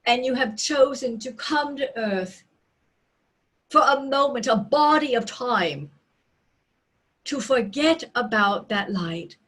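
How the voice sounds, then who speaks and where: In a trance as a seance medium, a woman gives voice to a loving, serene spirit collective, using solemn, deliberate phrasing and dramatic pauses. Her voice is a little high and a bit bright.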